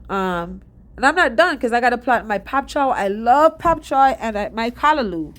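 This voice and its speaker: A woman's voice: a little high, expressive, a bit bright. A young Jamaican woman giving a casual, rambling voice-over about her garden, stuffy and short of breath. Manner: chatty, rambling and fast-talking. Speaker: DIY gardening vlogger.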